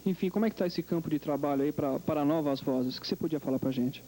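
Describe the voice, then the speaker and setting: A man's voice: a little high, quick pace, dark tone, slight background noise, poor audio. A man interviewing a guest, asking polite, formal questions.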